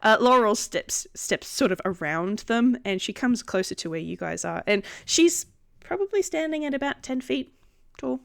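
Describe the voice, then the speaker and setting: A woman's voice: on the high side, animated, moderate pace, vocal fry. A woman narrating a tabletop game as game master, improvising in an informal, conversational way.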